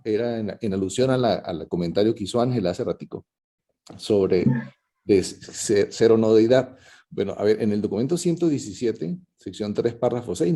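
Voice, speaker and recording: A man commenting during an online talk, explaining slowly and thoughtfully with many fillers and restarts over a video call. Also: mid-range voice, dark tone, breathy edge. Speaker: conference participant. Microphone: video call microphone.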